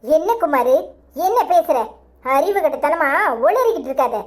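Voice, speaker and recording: A young village wife in a Tamil cartoon, with a Tirunelveli accent. Her voice sits high and bright, and she talks earnestly, turning to sharp scolding. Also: expressive, normal speed. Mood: indignant. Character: trusting young wife turned angry. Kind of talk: cartoon voice acting.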